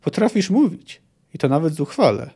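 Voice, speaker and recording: A man voicing a gloomy young male gang leader, read aloud in a gruff, commanding way. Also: on the high side, sing-song, normal speed, mellow, exaggerated voice.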